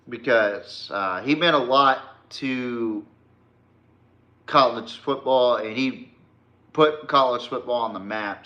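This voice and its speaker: The audio is dull and the room echoey as a man hosts a laid-back sports podcast. With a mid-range, slightly bright voice, he rambles emphatically and informally to his stream audience.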